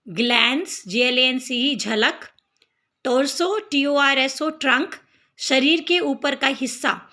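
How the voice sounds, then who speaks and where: Slow, bright-voiced Indian woman tutor. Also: a little high. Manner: spells words letter by letter and explains in Hindi. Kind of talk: vocabulary lesson.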